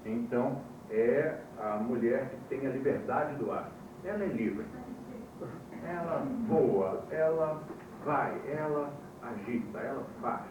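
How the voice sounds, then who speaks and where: A man with a Brazilian Portuguese accent teaching a class, slowly spelling out terms, heard from an old VHS tape recording. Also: mid-range voice, dull audio. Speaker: yoga teacher. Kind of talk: classroom lecture. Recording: hissy old VHS tape, echoey room, far mic.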